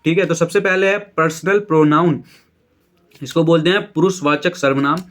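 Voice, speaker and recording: Male tutor, somewhat high voice, patient Hindi grammar lesson, slows for English examples, asks and answers himself. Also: fairly bright tone. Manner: explains in Hindi with English terms, asks and answers own questions; repeats "ठीक है" as a check-in. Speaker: English teacher.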